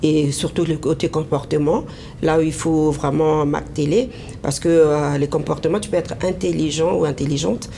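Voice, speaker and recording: Her voice sits low, gravelly and mellow, holding a steady tone at normal speed. She is a Congolese interview guest from the DRC who owns a business in humanitarian work, and she answers casually and hesitantly, filling gaps with many fillers. The TV interview audio is noisy.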